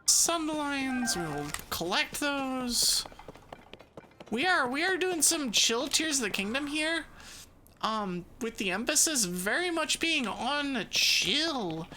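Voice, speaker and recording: Bubbly, high-pitched cute streamer woman. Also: pushed and bright, slight background noise. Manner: playful, chatty, thinking aloud. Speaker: video game live streamer. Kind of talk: casual live stream chat and game commentary.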